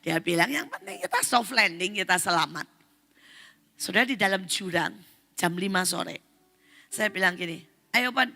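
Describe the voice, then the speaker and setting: A middle-aged woman pastor preaches with animated storytelling, her voice bright with a gravelly edge. She speaks straight to the congregation in a large church hall, and a long reverb trails her words over faint music. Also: mid-range voice. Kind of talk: sermon with personal story.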